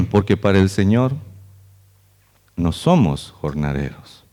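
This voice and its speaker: A man's voice: deep voice, big pitch swings, takes it slowly, mellow. A man, a pastor, preaching a conversational sermon at a church service and often checking in with "¿no?". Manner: earnest, conversational, frequent "¿no?" tags.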